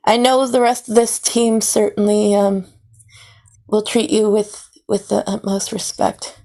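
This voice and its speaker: A young woman in casual chat who talks slowly and hesitantly, with many pauses and fillers. Her voice sits fairly high. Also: vocal fry, mellow. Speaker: listener sitting in.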